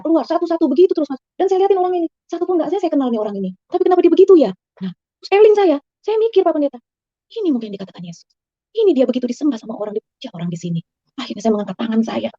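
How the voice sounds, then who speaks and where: Woman, earnest rapid testimony, warm low-bright tone, dry slightly muffled sound. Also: no echo. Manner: fast, earnest storytelling that rises high and excited. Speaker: guest giving a personal testimony. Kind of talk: emotional spoken testimony. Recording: slightly dull, dry recording.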